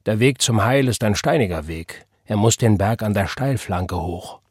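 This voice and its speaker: A stern preacher speaks gravely in a low, husky voice, as a narrator puts him on. The sound is dry and close. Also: male voice, expressive, moderate pace, a little mellow, no room sound. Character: stern upright preacher man, severe.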